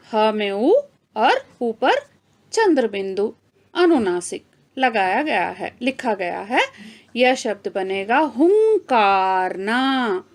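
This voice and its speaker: A woman teaching young pupils, speaking at a very slow, deliberate pace in a slightly high voice. She stretches out each example word and repeats it, slipping in English terms to explain. She asks the class questions and answers them herself. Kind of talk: online Hindi grammar lesson for children.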